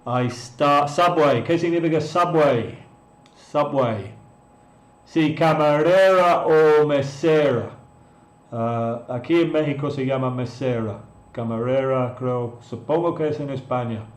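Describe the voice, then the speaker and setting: Slow, patient male teacher in echoey room. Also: mid-range voice. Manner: patient, repeats words, answers chat viewers. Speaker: English teacher. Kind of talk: live-streamed language lesson. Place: room in Mexico.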